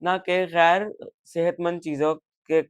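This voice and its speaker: Slow, measured male teacher. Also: a little high, level tone, smooth, no room sound, muffled recording. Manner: slow, spells out words letter by letter; repeats English lines then translates them. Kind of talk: explaining a textbook exercise.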